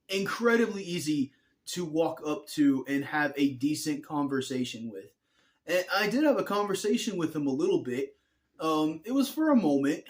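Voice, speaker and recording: A tired young man telling a personal story in a rambling, earnest way, often correcting himself. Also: on the high side. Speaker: vlogger.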